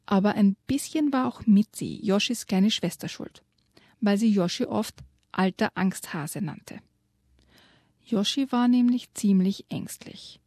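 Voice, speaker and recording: A woman's voice: mid-range voice, measured pace, dry recording, clean studio sound. Woman reading a children's story aloud. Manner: lively storyteller, whispers for suspense. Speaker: guest presenting a children's book.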